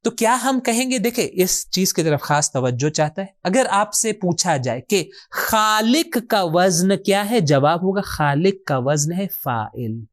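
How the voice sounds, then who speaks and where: A man teaching a recorded lesson on Arabic word patterns. He poses questions and answers them himself, saying key words slowly and more than once. He drops English words into his explanations. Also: high voice, lively intonation. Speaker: Quran and Arabic grammar teacher.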